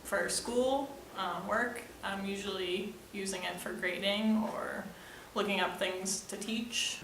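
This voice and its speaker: A woman's voice: mid-range voice, steady tone, slow, a bit bright, distant mic. A woman in her twenties, a PE teacher, answering interview questions in a casual, rambling way with fillers. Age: 20s. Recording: echoey room, faint noise.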